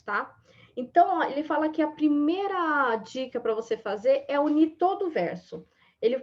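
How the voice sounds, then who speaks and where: Lady teacher, kinda high voice, keeps going "tá?" "né?", dull lo-fi audio. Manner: chatty, many fillers like "tá" and "né". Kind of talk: explaining a lesson casually. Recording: dull lo-fi sound.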